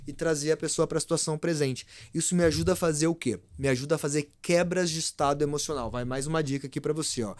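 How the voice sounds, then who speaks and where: A Brazilian man, a speaking mentor, explaining on a podcast in an animated way, often speeding up, slowing down and raising his voice for effect. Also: on the high side, dry recording. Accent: Brazilian Portuguese. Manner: animated, varies pace and loudness for effect.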